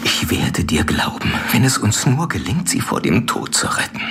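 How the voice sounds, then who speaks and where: A man's voice: mid-range voice, big pitch swings, moderate pace, fairly bright tone, slight background noise. An actor playing Doctor Seward, a devoted young physician, reading his letter and talking in a radio play. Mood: anxious. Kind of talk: radio play acting and narration.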